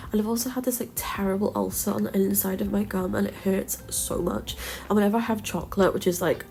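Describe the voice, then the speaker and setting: A woman narrates a game build in a casual, chatty way. Her voice has noticeable creak and a slightly stuffed-up nose, at a middling pitch. She rambles informally from one aside to the next. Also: fairly even intonation, fast talker, darkish tone, soft background music. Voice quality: slightly blocked, congested nose. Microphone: close voice-over mic or phone.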